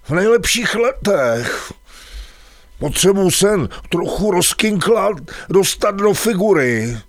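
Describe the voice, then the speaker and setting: A man's voice: sits high, big pitch swings. A man voicing a boastful, whiny male dung beetle husband in an audio fairy tale. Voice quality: complaining, bragging.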